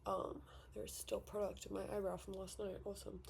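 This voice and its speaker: An eighteen-year-old woman from Victoria with an Australian accent does her makeup at her bedroom vanity for a get-ready-with-me vlog, chatty, a little rambling, and self-deprecating. Her mid-range voice is husky, creaky, and darkish, with a level tone and a slightly fast pace.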